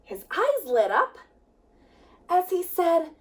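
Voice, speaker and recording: This is a children's story read-aloud by a children's director working from a picture book. Her high voice moves slowly through each phrase, rising and falling expressively, with dramatic pauses between lines. The microphone is set well back from her.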